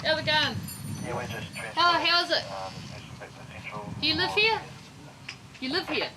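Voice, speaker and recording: A woman's voice: high-pitched, expressive, slow pace, a crowd in the background. A woman with a New Zealand accent speaking as a police constable on the job, in simple questions and explanations. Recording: noisy outdoor location sound.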